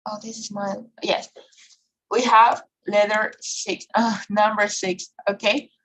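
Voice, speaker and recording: A woman's voice: mid-range voice, flat delivery, takes it slowly, a bit bright, slight background noise, low-quality recording. A woman teaching an English grammar class online, often checking in with "okay?" and "right?". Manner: frequent checking questions, filler okay and right.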